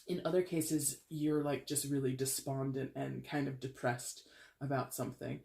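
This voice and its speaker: Speaking at medium pitch with a level tone and moderate, slightly mellow delivery, this congested tarot reader has a cold and a dry throat that keeps making her clear it. She talks casually to camera, wandering and correcting herself as she goes.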